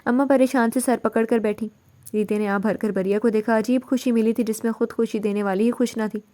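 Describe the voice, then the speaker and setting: A woman narrating a serialized novel in a steady, even storytelling manner. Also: fairly high pitch. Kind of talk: novel reading.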